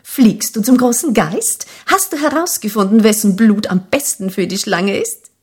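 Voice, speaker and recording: A woman voicing a friendly, quick-witted swallow in a fable, with a light, breathy, lilting voice. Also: mid-range voice, a little mellow, natural voice. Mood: cheerful.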